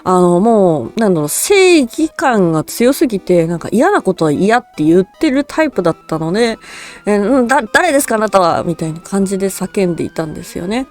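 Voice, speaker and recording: A woman narrates a true story in a relaxed, rambling style, full of fillers and small chuckles. Her voice is lively, rising and falling freely as she goes. Soft music plays faintly behind her. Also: medium pitch, fairly quick. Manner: rambling, casual, chuckles often, many fillers. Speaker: virtual cat-spirit storyteller.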